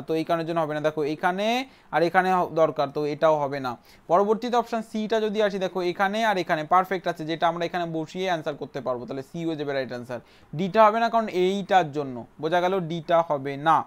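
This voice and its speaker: A male teacher running through exam questions at a quick clip. His voice sits high and comes across smooth and clear on a close mic. He counts shapes aloud and repeats each right answer. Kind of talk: exam prep lesson walking through answers.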